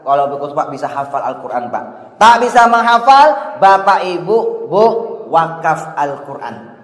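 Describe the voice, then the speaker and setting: A man's voice: a little high, expressive, normal speed. Man preaching in an echoey hall. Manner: addresses the audience with 'Pak' and 'Bu' after nearly every phrase; storytelling, with swings between loud and hushed. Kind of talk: sermon. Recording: echoey hall with long reverb.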